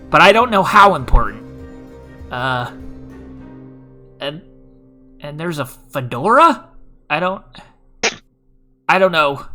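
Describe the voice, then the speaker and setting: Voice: medium pitch, pushed and bright. A game master narrating a tabletop game in a hesitant, rambling way with many fillers.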